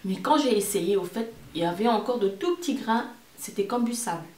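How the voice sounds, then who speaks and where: A woman's voice: mid-range voice, animated, brisk, a little mellow. A woman giving a casual product review to camera as a beauty vlogger, repeating words and phrases for emphasis. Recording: roomy echo, distant mic, faint noise.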